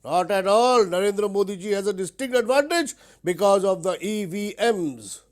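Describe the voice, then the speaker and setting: Man playing an aggrieved high-voiced Indian party spokesman. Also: normal speed. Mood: indignant. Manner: indignant, deadpan, insistent. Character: aggrieved, self-important male political party spokesperson. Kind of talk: satirical mock news interview.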